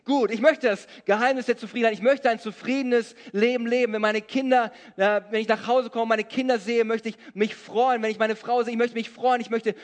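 A middle-aged German pastor preaches a sermon in a very high, steady voice, weaving scripture together with funny stories from his own life. He talks briskly with few pauses, and the recording carries the long reverb of a large hall.

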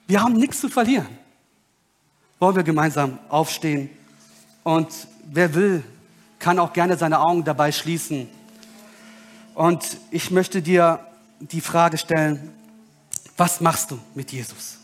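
A male pastor preaching a sermon with animated, dramatic storytelling. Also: fairly high pitch, measured pace, pauses often, faint music behind.

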